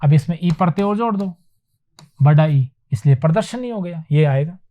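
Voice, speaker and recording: High-voiced man teaching at a whiteboard. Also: expressive, dark tone. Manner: repeats words slowly for emphasis, asks and answers himself. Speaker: Hindi teacher. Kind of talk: classroom lecture on spelling. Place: classroom with whiteboard.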